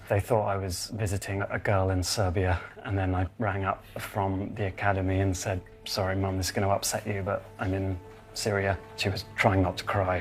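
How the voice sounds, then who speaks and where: A young man from the United Kingdom, a former volunteer fighter, talking in a documentary interview in a quiet, halting and reflective way. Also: sits low.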